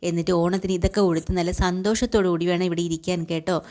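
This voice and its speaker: A woman voicing a kindly middle-aged father fond of drink, speaking in a gentle, fatherly way. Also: lowish voice, fairly even intonation, fast talker, close to an everyday voice.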